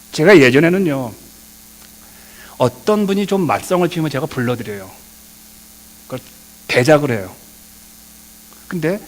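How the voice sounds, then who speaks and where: A middle-aged male pastor preaching a sermon, swinging between loud emphatic peaks and quiet asides, addressing the congregation directly. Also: fairly high pitch. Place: church sanctuary. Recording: long reverb of a church hall.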